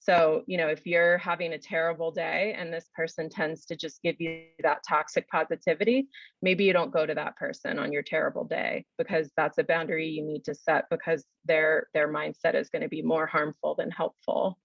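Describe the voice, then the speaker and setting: A woman's voice: low voice, level tone, moderate pace, creaky, dry recording, muffled recording. A woman psychologist answering questions in a webinar, thoughtful, with many "you know" fillers. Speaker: psychologist guest speaker.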